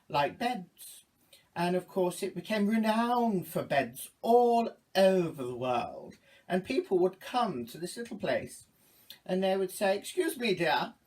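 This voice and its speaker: A campy drag queen dame, played by a man, theatrical and bawdy, with a boozy grandeur. The pitch swoops up and down through the comic monologue, heard a little way from the mic. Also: recorded from a distance. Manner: campy, theatrical, arch innuendo.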